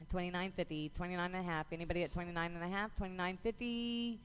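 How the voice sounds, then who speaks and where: A woman auctioneer calling bids in a rapid, rhythmic chant, repeating numbers over and over at a live auction. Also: lowish voice, fairly even intonation, a little hiss or hum.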